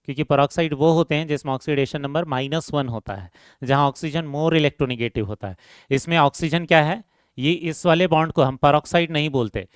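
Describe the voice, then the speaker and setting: A man's voice: fairly high pitch, normal speed, clean tone, no echo, studio quality. A man teaching a chemistry lecture who asks the class questions and answers them himself, repeats key terms and calls his students "beta".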